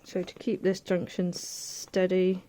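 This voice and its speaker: A woman giving a casual hands-on sewing demonstration, chatty and thinking aloud as she pins fabric, with soft asides. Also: on the low side, monotone, slow, a little hiss or hum. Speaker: quilting tutor.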